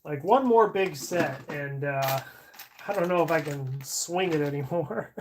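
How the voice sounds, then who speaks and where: A woman streamer chatting casually as she sorts, thinking aloud with fillers and soft laughs. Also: low-pitched, a little slow. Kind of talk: casual livestream chat while sorting. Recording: audible background noise.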